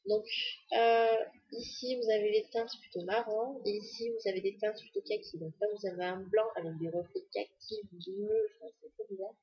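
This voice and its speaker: A woman talks casually and eagerly to the camera about her makeup haul, her voice very breathy and husky. She rambles with many fillers. The sound is dull and muffled, as from a basic home camera. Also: medium pitch, expressive, moderate pace. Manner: chatty, enthusiastic, many fillers. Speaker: beauty vlogger.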